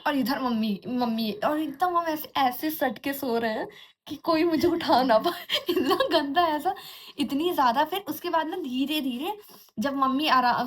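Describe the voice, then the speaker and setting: A young woman vlogger casually telling a horror story from her own life. She talks in a chatty way, restarts often and mimics eerie sounds like jingling anklets and giggles. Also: sits high. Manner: chatty, restarts often, mixes in English words.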